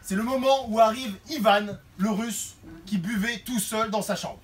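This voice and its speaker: A man doing a lively stand-up set on a small bar stage, slipping in and out of character voices, with the audience laughing. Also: high-pitched, moderate pace. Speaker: stand-up comedian. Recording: distant mic in a noisy bar crowd.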